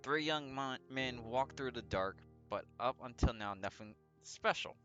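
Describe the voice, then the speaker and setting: The man's medium-pitched voice is fairly bright and a little slow, and the recording has its highs cut off. He's hosting a let's play, narrating a visual novel with offhand remarks over background music, now and then misreading a line and correcting it.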